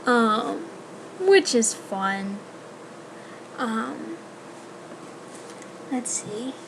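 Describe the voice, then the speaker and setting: A woman's voice: a little high, expressive, very slow, creaky. A young woman with a slightly raised voice talks to her viewers in a loose, rambling vlog chat. Her sentences keep circling back through "like" and "um" as she tells her stories. There is a faint hiss under her voice. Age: young adult. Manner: rambling, full of "like" and "um". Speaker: student vlogger. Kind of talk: casual chat to camera.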